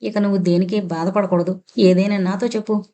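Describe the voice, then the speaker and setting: A woman's voice: medium pitch, fairly even intonation, fairly quick, mellow, close to an everyday voice. A woman reading an earnest young son. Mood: reassuring. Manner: earnest, reassuring.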